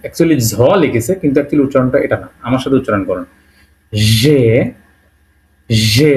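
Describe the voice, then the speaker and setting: A man's voice: mid-range voice, a little mellow. Patient man teaching letter sounds. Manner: repeats sounds slowly and checks understanding with "okay?"; mixes English words into his explanations. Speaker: language teacher. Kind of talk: Bengali-language alphabet lesson.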